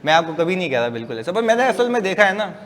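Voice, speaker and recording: A man's voice: high-pitched, rapid-fire. A man, giving a casual, joking lecture to a class of accounting students. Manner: chatty, joking, lively asides to students. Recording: distant voice in a reverberant room, faint hiss.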